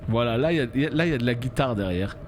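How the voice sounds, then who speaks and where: Streamer guy yelling at mobs, swears a lot, mid pitch, music going behind. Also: rapid-fire. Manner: excitable, swears, talks to chat. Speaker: gaming streamer. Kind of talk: live let's play commentary.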